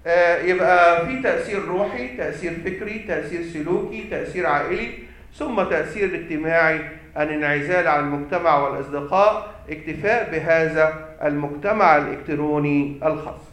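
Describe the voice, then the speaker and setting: A man's voice: a little high, fairly quick, a bit bright. A man with an Egyptian accent preaching a sermon as a priest, emphatic, repeating key phrases and answering his own questions, recorded from a distance in an echoey hall. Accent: Egyptian Arabic.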